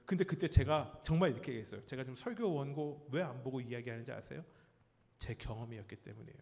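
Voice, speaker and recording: A man preaching a sermon as pastor, telling a story with lively acted-out cries and asking his congregation questions. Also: medium pitch, fast talker, creaky, big-room sound. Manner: animated storytelling, acts out cries and quotes. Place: church sanctuary.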